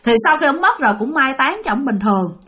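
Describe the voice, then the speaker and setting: A woman with a Southern Vietnamese accent tells a ghost story in a lively, dramatic way, speaking directly to her listeners. Her voice sits high, and she talks fast.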